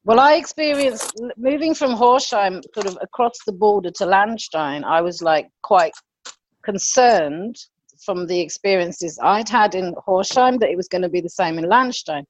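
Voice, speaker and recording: A woman's voice: medium pitch, animated, normal speed. Chatty English woman, dull lo-fi sound. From England. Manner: chatty storyteller, acts out quoted voices. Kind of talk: casual chat.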